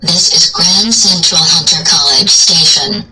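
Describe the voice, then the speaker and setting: An automated train announcer made of spliced-together recorded words, listing stations and transfers in an evenly measured way. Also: mid-range voice, recorded from a distance, loud music behind the voice, poor audio.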